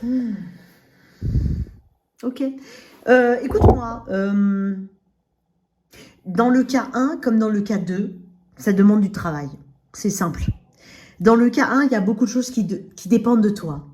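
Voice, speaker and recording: A woman's voice: medium pitch, unhurried, pauses often, background noise. A woman giving a casual tarot reading straight to the listener, speaking with dental braces in that slightly slur her words and often checking in with short tags. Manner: addresses listener directly with frequent check-in tags. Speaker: tarot reader.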